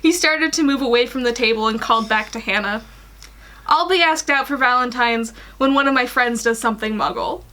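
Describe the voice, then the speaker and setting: Reading fan fiction aloud on a livestream as a guest, this twenty-something woman chats casually from a small room in her home. She speaks a little fast, in a fairly high, bright voice with a forceful edge.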